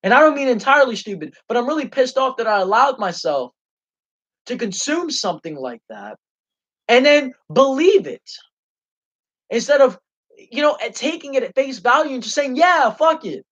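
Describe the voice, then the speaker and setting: A man's voice: very high voice, sing-song, normal speed, a bit bright. A young man hosting his own livestream, ranting passionately and angrily with lots of swearing. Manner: passionate, profane and heated. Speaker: livestream host. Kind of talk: unscripted livestream rant. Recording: dull lo-fi stream audio.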